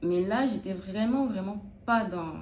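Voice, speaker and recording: A woman's voice: medium pitch, a little slow, darkish tone, roomy sound, a little hiss or hum. A young woman from Benin, a student in early childhood education, answering interview questions in a thoughtful, hesitant way with many restarts.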